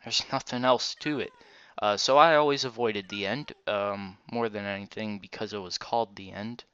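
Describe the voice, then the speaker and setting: A man giving casual, halting, rambling gaming commentary while wearing a retainer that slightly affects his speech, recorded on a dull microphone. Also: lowish voice, steady tone, pushed and bright, clean tone, no room sound. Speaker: gaming video host. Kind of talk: casual Let's Play game commentary.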